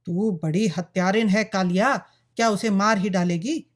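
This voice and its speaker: A woman's voice: medium pitch, fairly even intonation, normal speed, close to an everyday voice. A woman voicing a bold older village man, a stern father who talks bluntly and without fear. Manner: blunt, fearless.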